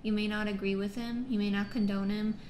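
A woman's voice: medium pitch, flat delivery, brisk, darkish tone, a little hiss or hum. A young woman hosting an anime reaction video, talking straight to her viewers in a chatty, emphatic way with plenty of fillers. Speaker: anime reaction channel host. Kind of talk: casual reaction commentary. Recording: roomy echo.

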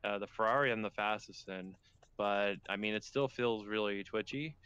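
Young male sim racer, casual rambler, crisp bright voice, dull lo-fi chat sound. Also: fairly low pitch, fairly even intonation, normal speed, no echo. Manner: rambling, filler-heavy, laid-back. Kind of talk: casual chat among friends on voice chat.

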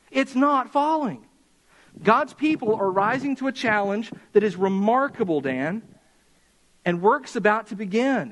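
A man with a high, light voice preaching to his congregation in a church sanctuary. He talks in an impassioned way and slows right down to press his points home. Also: a bit bright. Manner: impassioned preaching, slowing for emphasis. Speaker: pastor. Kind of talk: sermon.

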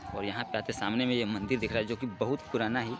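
A young man from Bihar, giving a casual vlog tour outdoors. He talks into a phone at arm's length, with many filler phrases and hesitant pauses. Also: on the low side, fairly even intonation. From Bihar, India. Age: young adult. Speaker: vlogger. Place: outdoors at a village temple ground. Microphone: phone held at arm's length.

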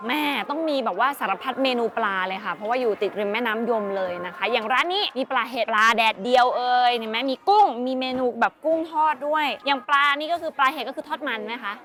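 A woman hosting a travel and food show at an outdoor market, chatty and excitable as she talks to viewers and vendors. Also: fairly high pitch, fast, hardly any pauses, slight background noise. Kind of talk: upbeat presenting to viewers.

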